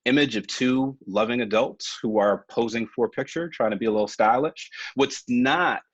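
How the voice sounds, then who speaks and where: In a dull, lo-fi webinar recording with no echo, a man in his forties from the United States earnestly reflects on his own life. He tells personal stories at a moderate pace in a medium-pitched voice, often filling pauses with um.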